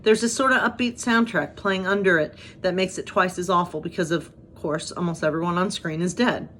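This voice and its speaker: A woman's voice: on the low side, brisk, fairly bright tone, slight background noise. A woman pastor in her thirties, who talks in a chatty, self-deprecating way with light humor, moving between casual devotional talk and reading aloud. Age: 30s.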